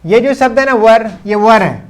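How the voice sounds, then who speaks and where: Male grammar teacher, fairly high voice, patient and repetitive, switches between speech and English examples. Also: lively intonation. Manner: explains patiently, repeats example sentences slowly; mixes English sentences into his speech. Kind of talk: classroom-style video lesson.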